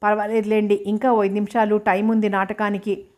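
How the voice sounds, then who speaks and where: A woman reading the lines of a kindly young woman colleague, asking gentle questions. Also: medium pitch, little pitch movement, brisk, lightly acted. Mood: concerned.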